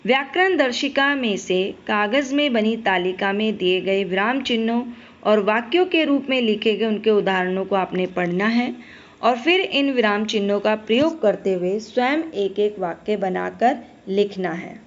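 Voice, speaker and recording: A woman's voice: mid-range voice, expressive, moderate pace, muffled recording. A woman teaching a primary school Hindi lesson, patiently addressing the children, asking questions and then answering them herself. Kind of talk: classroom lesson explanation.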